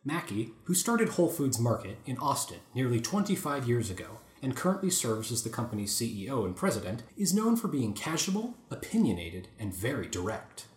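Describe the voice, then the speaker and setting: A man hosting a podcast, reading an article aloud in a casual chat with lively asides. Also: medium pitch, brisk, few pauses. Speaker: podcast host. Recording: roomy echoey room.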